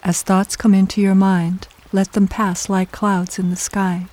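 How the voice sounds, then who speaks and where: Soft, mellow meditation guide. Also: medium pitch, little pitch movement. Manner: soft, soothing, slow and measured, with long pauses. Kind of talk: guided meditation, scripted narration.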